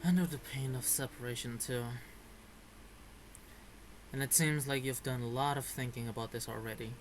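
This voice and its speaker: Speaking at a normal speed with medium pitch and fairly even intonation, this man offers laid-back commentary while gaming, muttering to himself and reacting informally. Game music plays in the background.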